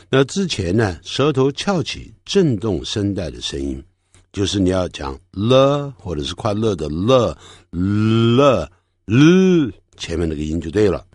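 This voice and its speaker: A man giving a pronunciation lesson, explaining sounds patiently and repeating practice words slowly for learners to copy. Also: deep voice, a little mellow, slightly rough, no echo, clean studio sound. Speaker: English teacher.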